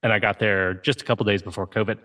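This is a man in his forties, originally from Ohio, speaking with a fairly low voice. He is a game creator talking as a guest in an interview. He tells his story in a loose, easygoing way, checking in often with "right?" and "you know". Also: fairly even intonation, fast talker, pushed and bright. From Ohio, USA. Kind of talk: conversational interview.

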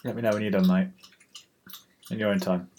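Grumbling British man, fairly low voice. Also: steady tone, fairly quick, dark tone, slight background noise. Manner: grumbling, dry, mock-exasperated. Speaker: host of an amateur weather chat show. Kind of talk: rambling casual solo chat. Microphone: built-in laptop microphone. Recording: built-in laptop microphone.

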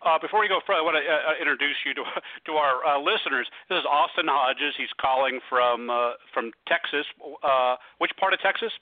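An American man hosting a casual sports talk interview, speaking in a halting, rambling way. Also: a little high, dry recording. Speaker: radio show host. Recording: thin, dry phone-like radio audio.

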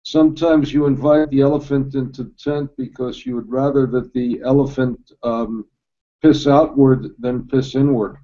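A man speaking as a historian guest in a panel discussion, measured and with a dry humor. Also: mid-range voice, fairly even intonation, dark tone, muffled recording.

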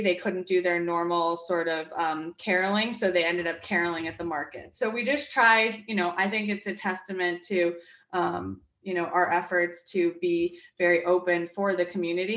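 A woman's voice: lowish voice, a bit bright. Chatty woman in an echoey room. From Connecticut. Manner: chatty, many fillers and restarts. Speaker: guest, market project manager. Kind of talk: conversational interview.

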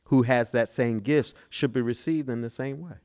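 A man, a minister, as a guest telling lively stories and acting out the voices of people in them. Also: medium pitch, moderate pace. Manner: animated storyteller, acts out quotes, bursts of laughter. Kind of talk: casual interview storytelling.

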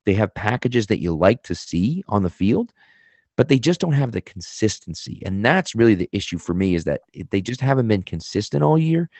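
Male, mild Boston accent, low pitch, casual sports analysis, podcast guest, dry close sound. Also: big pitch swings, normal speed, a little mellow, no echo.

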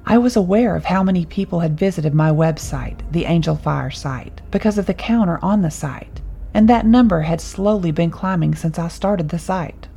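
A woman narrating a horror story in a calm, measured reading voice. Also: on the low side, gravelly, slightly rough, faint music behind, rough recording.

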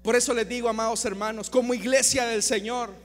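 A male preacher delivers a sermon in a very high voice, full of fervor. He swings from ringing shouts to hushed, pleading appeals. His words carry a long church reverb. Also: fairly even intonation, brisk. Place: church service.

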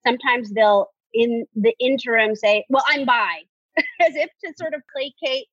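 A woman guest in a casual conversation, speaking in a reflective, measured way over a dry, muffled lo-fi recording. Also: fairly high pitch, breathy edge, no echo.

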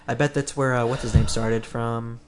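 A man's voice: medium pitch, flat delivery, normal speed, slight background noise. A man co-hosting a podcast, teasing his friend in a playful, jokey way. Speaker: podcast co-host. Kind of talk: casual chat.

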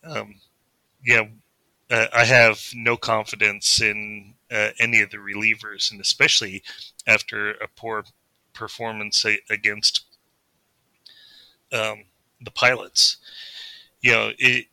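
A man who is a podcast guest, talking sports casually in a halting, hesitant way with many filler sounds. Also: lowish voice, level tone, gravelly, bright, forceful tone, dry recording, poor audio.

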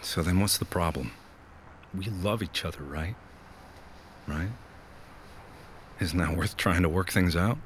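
In a naturalistic audio drama, a male actor in his twenties plays a heartbroken, awkward night-shift worker who sounds downcast, hesitant, hurt and pleading. His low voice is unhurried with frequent pauses, and a little hiss or hum sits in the recording.

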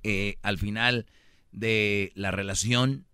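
Low, bright-voiced Mexican radio host. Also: male voice, steady tone, slow pace, clean tone, no echo, clean studio sound. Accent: Mexican Spanish. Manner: lecturing and joking, mimics other people's voices. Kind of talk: comedic advice talk with callers.

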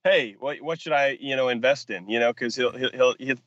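A man's voice: medium pitch, fairly bright tone, no room sound. Male football coach, podcast guest, hesitant explainer, dry slightly muffled audio. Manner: halting, many restarts and fillers, explanatory. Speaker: football offensive coordinator and quarterbacks coach, guest. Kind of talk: podcast interview.

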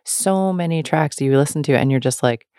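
A woman's voice: sits low, normal speed, warm tone, clean tone, no room sound, clean studio sound. A woman hosting a podcast roundtable, chatting casually with many fillers. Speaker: podcast host.

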